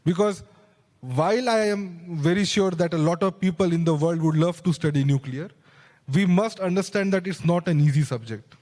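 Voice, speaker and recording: Speaking into a handheld mic in a big conference hall, a young panelist works through his points with earnest conviction, often restarting quickly and adding asides. His slightly high, darkish voice rings with the room's long reverb.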